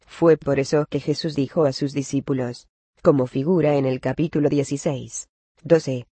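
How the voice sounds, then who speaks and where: A man reads a religious commentary aloud in a measured, even cadence. His mid-pitched voice stays nearly level throughout and has a warm, mellow tone. The sound is close and dry. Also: slightly rough, no echo. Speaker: reader of a religious text.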